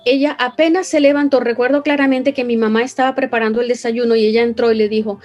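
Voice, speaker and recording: A woman's voice: on the high side, fairly even intonation, fast talker, a little mellow, faint music behind. Earnest Venezuelan woman telling her story. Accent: Venezuelan Spanish. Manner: earnest, emotional storytelling with restarts. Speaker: interview guest. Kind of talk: personal testimony.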